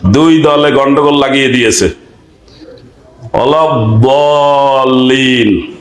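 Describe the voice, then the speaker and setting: Male preacher, mid-pitched, questioning the crowd, reverberant hall sound. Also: moderate pace. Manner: rhetorical questions to the audience, acts out village dialogue. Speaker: preacher giving Quran commentary. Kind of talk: sermon.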